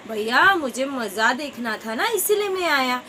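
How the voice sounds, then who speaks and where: A woman voicing a curious, timid little raindrop boy in a children's story, with a high childlike pleading voice. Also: lively intonation, measured pace, bright, forceful tone, a little hiss or hum, full character voice. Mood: eager.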